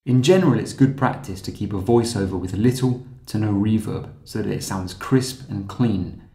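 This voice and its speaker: A man narrating a scripted software tutorial in a calm, steady, explanatory way. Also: on the low side, moderate pace, echoey room.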